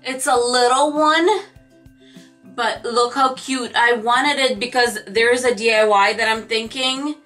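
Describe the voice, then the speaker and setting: A woman's voice: a little high, steady tone, measured pace, a bit bright, faint music behind. A woman craft vlogger chatting casually to camera about her shopping haul, gushing and talking straight to her viewers. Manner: gushing, chatty, addresses viewers as "you guys".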